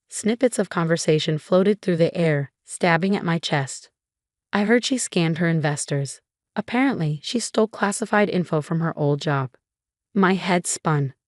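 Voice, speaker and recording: A woman narrating a dramatic first-person story in a scripted, measured way. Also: fairly low pitch, no room sound, studio quality.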